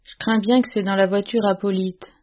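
A woman's voice: mid-range voice, fairly even intonation, a little fast, lo-fi sound, lightly acted. A woman voicing a meek young farm girl who murmurs and stammers in rural dialect. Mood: tearful.

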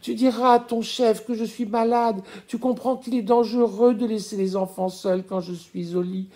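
A man's voice: very high-pitched, dark tone, pitched above the performer's own voice. A man reading an audiobook, voicing a dying old spinster who tenderly calls out to imaginary children in a thin, faraway voice. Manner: tender, motherly scolding.

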